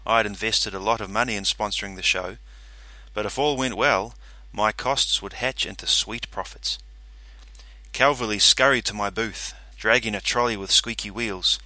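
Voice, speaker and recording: Audiobook narrator, male, low voice with a bright forceful edge, dry close sound. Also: dry recording. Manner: steady, measured storytelling. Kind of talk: scripted narration.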